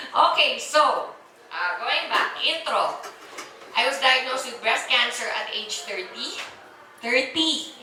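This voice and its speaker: Pushed and bright, her fairly high voice carries from far off through an echoey hall with faint ambience and a touch of hiss or hum. The speaker, a Filipino-accented woman in her forties, is presenting a product live, teasing and chatting while keeping the audience answering.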